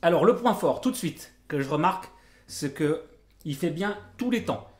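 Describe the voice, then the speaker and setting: A man's voice: a little high, expressive, normal speed, a little mellow, reverberant. A man giving a casual guitar tutorial to camera, joking and self-deprecating, his mouth numb from dental anaesthetic. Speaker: jazz guitar coach and video teacher.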